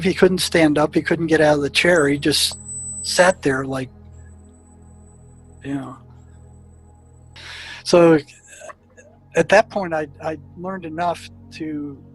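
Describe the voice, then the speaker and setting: A man recalls his years as a prison therapist in a storytelling way. He stumbles often, repeating words and restarting his sentences. His voice sits a little high, and soft music plays faintly underneath. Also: poor audio. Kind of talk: storytelling recollection.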